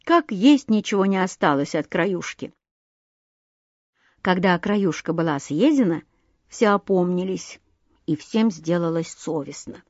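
A woman narrating a children's storybook slowly and expressively. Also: fairly low pitch, dry recording, lo-fi sound. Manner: slow, expressive.

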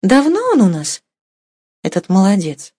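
A woman voicing a proud, playful young merchant's wife who teases in bright, raised exclamations. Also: mid-range voice, big pitch swings, unhurried, breathy edge. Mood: curious.

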